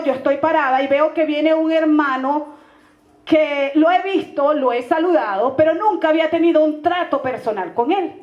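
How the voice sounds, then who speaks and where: A high-voiced Venezuelan woman pastor gives a fervent sermon testimony, speaking straight to her listeners as brother. Her voice rings through a roomy church and comes across dull and lo-fi. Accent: Venezuelan Spanish.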